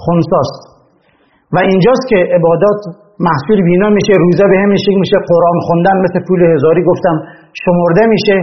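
A man giving a religious lecture, arguing with rising emphasis as he presses each point. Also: fairly even intonation. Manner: impassioned, rising in pitch when stressing points. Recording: dull lo-fi recording with faint noise.

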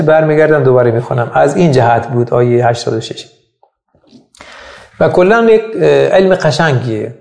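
Gravelly-voiced man teaching in an echoey room. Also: on the high side, darkish tone. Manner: thoughtful, explains patiently with examples. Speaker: Quran teacher. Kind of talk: explanatory religious lesson.

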